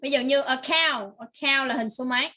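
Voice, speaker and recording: A woman's voice: high-pitched, moderate pace, pushed and bright. A woman teaching English to a child online, patiently repeating words and praising answers.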